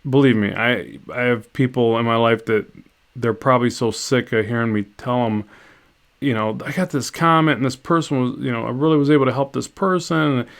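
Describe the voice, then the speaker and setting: Middle-aged male artist, gravelly voice, rambling self-deprecating live-stream chatter. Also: mid-range voice, brisk. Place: home studio.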